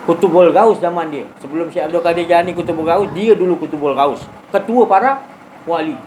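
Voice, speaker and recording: A man's voice: on the high side, fairly quick, darkish tone. A man with a Malaysian Malay accent, a religious teacher preaching in a conversational style, asking his listeners rhetorical questions. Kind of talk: sermon. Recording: noisy recording.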